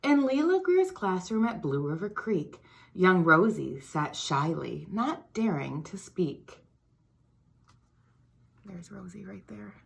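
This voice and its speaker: Here a female school board member performs a kids' picture book with expressive, musical storytelling and the odd hushed whisper. Her fairly low voice has a creaky quality, and she takes her time.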